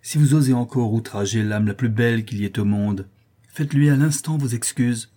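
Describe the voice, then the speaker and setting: A man's voice: mid-range voice, normal speed, warm tone, natural voice. A man reading the part of a stern older father, severe and scolding in a story.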